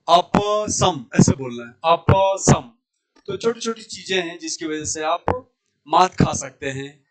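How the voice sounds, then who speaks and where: A man with a Rajasthani Hindi accent teaching an online Hindi lesson, drilling syllables slowly and with emphasis. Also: on the high side.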